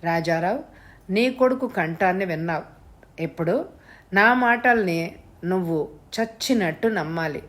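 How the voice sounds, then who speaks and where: Woman voicing a hoarse, scornful male kidnapper. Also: lowish voice, expressive, a bit bright. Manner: cool, scornful, unhurried.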